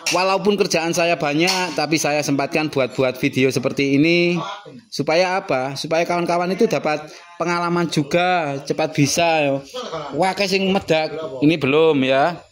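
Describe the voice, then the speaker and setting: A man's voice: a little high, normal speed, a crowd in the background. A man with a Javanese accent, a motorcycle mechanic, talking casually as he works in his repair shop and explains each step. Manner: chatty, explains while working, acts out customer's words. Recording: workshop noise with engine sounds.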